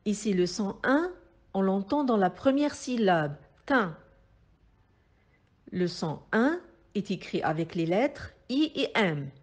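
A woman teacher with a Moroccan French accent giving a slow phonics lesson to young pupils, carefully articulating and repeating each sound. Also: mid-range voice, animated. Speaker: primary school teacher.

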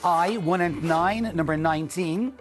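A middle-aged man with a fairly high voice hosts a TV bingo game from a studio, speaking into a lapel mic. His scripted links and number calls come across clear, measured and upbeat, with music plainly audible behind him.

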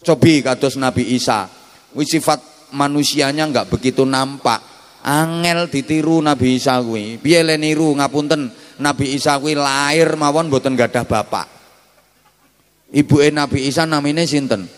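A man's voice: medium pitch, normal speed. A male preacher with a Javanese accent giving a humorous sermon, teasing and quizzing his audience as he talks. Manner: jokey, mixes Javanese and Indonesian, quizzes the audience. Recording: hall reverb.

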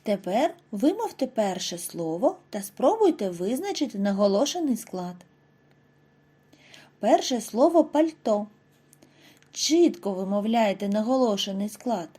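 Lively, mellow-voiced woman teaching young children. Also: mid-range voice, slightly rough. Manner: slow, over-articulated model words for children. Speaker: primary school teacher. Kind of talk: scripted lesson narration for first graders.

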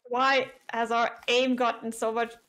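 A woman's voice: on the high side, flat delivery, fairly bright tone. A woman playing a co-op game with friends, chatting casually and playfully. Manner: playful, quick to laugh. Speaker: co-op game player. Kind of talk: casual gaming chat with friends.

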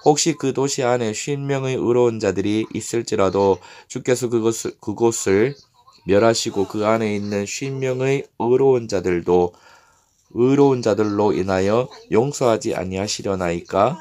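A man's voice: lowish voice, normal speed, a little mellow, lightly acted. A man voicing an aged male patriarch who pleads earnestly and humbly, in a scripture reading. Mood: pleading. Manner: earnest, deferential appeals.

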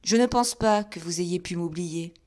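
A woman's voice: lowish voice, normal speed, a little mellow, lightly acted. Woman voicing an affable assured detective. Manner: friendly, assured. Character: cool, affable male detective.

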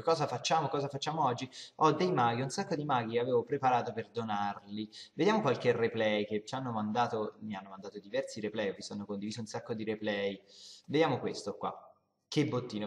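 A young man hosting a gaming video with casual, rambling commentary, often repeating himself, recorded in an echoey room. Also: fairly low pitch. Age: young adult. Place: indoor room in front of a backdrop.

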